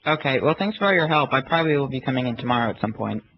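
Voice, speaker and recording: A man talks in a casual, halting way, as someone making an inquiry by phone. His pitch is middling, and the sound is dull with faint noise underneath. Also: animated. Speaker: prank caller. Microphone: phone call. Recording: muffled, noisy phone call recording.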